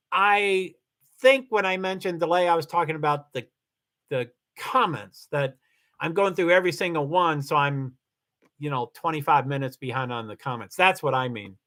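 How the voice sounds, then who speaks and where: With a high voice and fairly bright tone, a man from Kentucky hosts a casual livestream. He reads viewer comments and chats loosely, rambling and often pausing to correct himself.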